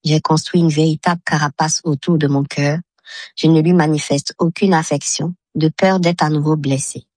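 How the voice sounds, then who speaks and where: A woman's voice: deep voice, steady tone, moderate pace, a little mellow, no echo. Woman with a voice-changer disguise. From Mali. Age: 30s. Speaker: caller to a health radio show. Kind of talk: recorded message read aloud.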